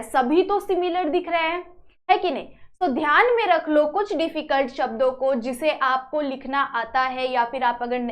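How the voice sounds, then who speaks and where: High-voiced woman teaching a lesson. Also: fairly bright tone. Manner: explains step by step, repeating "ठीक है" as a check-in. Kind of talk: classroom-style video lesson.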